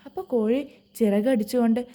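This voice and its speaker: A woman narrating a bedtime story for children, expressive and addressing them directly. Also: a little high, a little fast.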